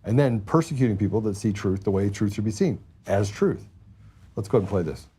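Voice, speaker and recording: A man's voice: lowish voice, animated, fairly quick, dark tone, slight background noise. A man hosting a political talk show, blunt and heated, often repeating words as he gets going.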